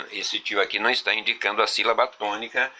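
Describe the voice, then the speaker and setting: A man teaching a grammar video lesson, explaining slowly and repeating examples with small fillers. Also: on the low side, steady tone, sharp tone.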